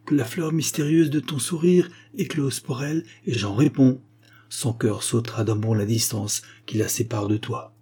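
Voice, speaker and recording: A man's voice: mid-range voice, moderate pace, mellow, breathy edge, close to an everyday voice. A man voicing an aging male scribe who pleads earnestly and reproachfully with the young man he raised. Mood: pleading.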